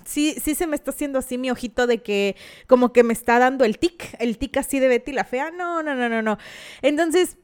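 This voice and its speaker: A woman's voice: sits high, a little fast, smooth. A young Mexican woman hosting a casual gossip podcast, telling the story in a dramatic, exclamatory and slangy way. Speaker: podcast host.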